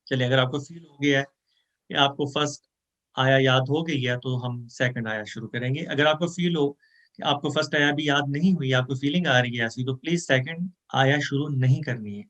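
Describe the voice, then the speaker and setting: A man with a Pakistani Urdu accent teaching Quran memorization, slowly chanting verses and then explaining them plainly. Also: medium pitch, fairly bright tone, dull audio. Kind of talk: recitation lesson with explanations.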